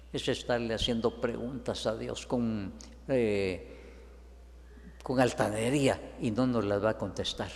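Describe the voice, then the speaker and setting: Priest guy giving a sermon, gets loud and high when he quotes people, big echoey church sound. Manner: preaches with rising pitch and force when quoting biblical figures. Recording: long reverb in a large hall.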